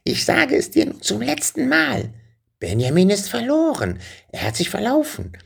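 A man voicing a shrill, scheming old witch in a storybook reading, with a gravelly, scolding voice. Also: huge pitch swings, moderate pace, full character voice. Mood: insistent.

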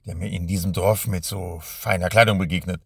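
A scarred old village robber, put on by a storytelling man with a smoky, gravelly growl and a low, husky edge. He talks in a gruff, taunting drawl. The sound is close and dry, as in a storybook reading. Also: fairly even intonation, brisk, a bit bright, dry recording, exaggerated voice. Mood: sneering. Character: menacing older male village robber, scarred.

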